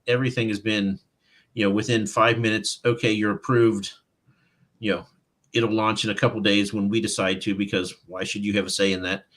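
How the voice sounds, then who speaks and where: A man's voice: fairly low pitch, fairly bright tone. A man, an author being interviewed, telling anecdotes casually and acting out quoted dialogue. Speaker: author, guest.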